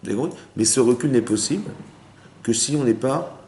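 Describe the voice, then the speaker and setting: A man's voice: medium pitch, animated, brisk, warm tone. A man, a rabbi, giving a spoken Torah lesson to a women's class. He mixes Hebrew terms into his talk and keeps asking his listeners if they understood. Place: lecture room with listeners. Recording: roomy room with faint background noise.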